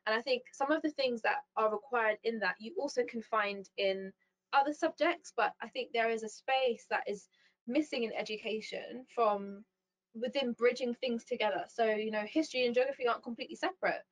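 A woman's voice: fairly high pitch, a little fast, rough recording. A young woman guest speaking about her work in a thoughtful, casual way, with many ums and likes. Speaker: founder and CEO, guest. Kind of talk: casual interview chat.

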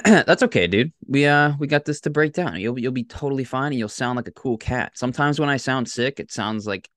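A man's voice: medium pitch, expressive, a little fast, fairly bright tone, no room sound, studio quality. A man hosting a podcast in a casual, enthusiastic, slangy way, swearing freely. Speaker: podcast host. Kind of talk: casual chat.

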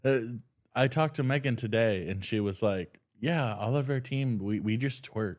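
A man in his twenties co-hosting a podcast, teasing and riffing in quick casual banter. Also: medium pitch, a little mellow. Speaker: podcast co-host. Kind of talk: casual chat.

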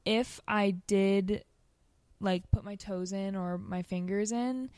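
A woman's voice: mid-range voice, steady tone, slow, darkish tone, clear, resonant tone, no room sound. A young woman guest speaking casually in an interview, with hesitant, informal phrasing that tends to trail off. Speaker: podcast guest, ice bath coach.

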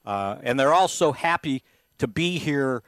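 A man co-hosting a sports podcast. He chats casually and tells anecdotes, often restarting his sentences. His voice sits mid-pitch and sounds dry and close on a studio mic. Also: expressive, measured pace, fairly bright tone, no room sound. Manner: storytelling, many false starts. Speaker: podcast co-host.

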